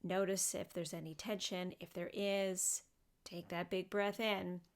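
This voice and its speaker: In a fairly low, level-toned voice, a female psychotherapist talks gently and slowly through a guided body scan meditation, with many fillers.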